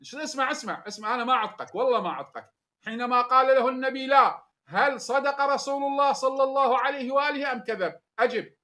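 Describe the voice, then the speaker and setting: A man's voice: very high-pitched, quick pace, pushed and bright. A man, interrupting and demanding answers. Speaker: debater. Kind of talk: heated religious debate.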